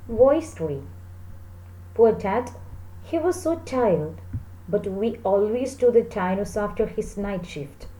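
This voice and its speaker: This female teacher talks slowly and deliberately while reading and explaining a text in an English lesson for children, pausing to ask her pupils checking questions. Her mid-range voice is mellow with lively intonation. She's in a small, plain room indoors, and the audio carries a roomy echo with faint noise.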